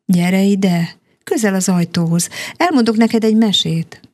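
Woman voicing a gentle, kind young girl. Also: medium pitch, natural voice. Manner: soft and coaxing.

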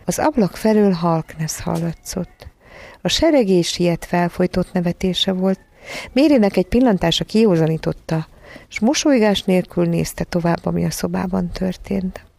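Gravelly, low-voiced woman narrator. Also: warm tone. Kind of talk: audiobook narration of a children's novel.

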